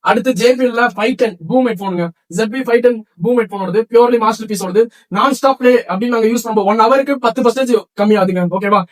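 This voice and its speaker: Rapid-fire high-voiced male shop seller. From Tamil Nadu, India. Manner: rapid, chatty, asks "okay?" of viewers often. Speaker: shop seller presenting products. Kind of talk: product demo sales pitch.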